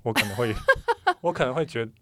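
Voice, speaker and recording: A woman's voice: a bass voice, expressive, racing, slight background noise. A woman in her thirties with a Taiwanese accent, chatting casually and in a laid-back way as a podcast co-host. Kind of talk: casual chat.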